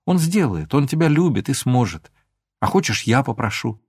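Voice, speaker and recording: A man reading an audiobook, voicing an emotional young woman who pleads and sometimes flares up into shouting. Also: medium pitch, big pitch swings, normal speed, breathy edge, no echo, clean studio sound. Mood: persuading. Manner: pleading, then flaring into shouts.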